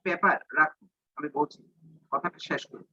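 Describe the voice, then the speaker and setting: Male teacher, bright clear lo-fi voice. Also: on the high side, very animated, no room sound. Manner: reads English slowly, then explains in Bengali. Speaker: English teacher. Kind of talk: online class lesson.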